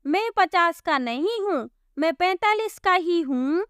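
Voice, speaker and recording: A woman's voice: very high voice, lively intonation, unhurried, fairly bright tone, no room sound, studio quality, voice pushed up, heavily acted. A woman voicing a flustered, simple middle-aged village man who earnestly pleads with a policeman in a storybook tale. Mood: pleading. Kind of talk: storybook voice acting.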